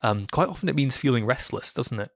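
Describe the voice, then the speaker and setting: A man's voice: medium pitch, expressive, fast, dry recording. Earnest male podcast host, dry studio sound. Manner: earnest, reflective, laughs easily. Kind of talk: casual faith podcast chat.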